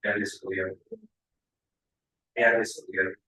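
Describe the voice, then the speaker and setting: A man's voice: deep voice, little pitch movement, a little slow, pushed and bright. A man voicing a frightened, guilt-ridden young male murderer who mutters anxiously to himself. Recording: echoey room.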